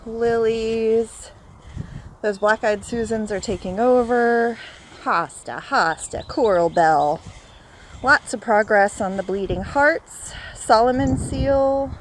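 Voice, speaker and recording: This casual garden walk-through video has a home gardener naming plants as she moves around her yard, filming on a handheld phone and sometimes uncertain of the names. Her fairly high voice comes at a slow pace, and she's slightly out of breath after running. The audio is poor, with slight background noise.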